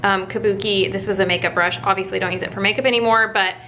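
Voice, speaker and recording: A woman's voice: mid-range voice, fairly even intonation, fast talker, sharp tone, a little hiss or hum. A woman chatting casually to camera as a home makeover vlogger, explaining her DIY steps in an informal way.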